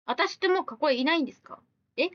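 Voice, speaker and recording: A woman with a high, bouncy voice that swings widely in pitch, chatting on a live stream. She reads viewer comments and answers them with blunt, teasing comebacks. The sound is dry and a little dull, like a small home mic. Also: animated, dry recording. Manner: blunt, teasing retorts mixed with quick questions.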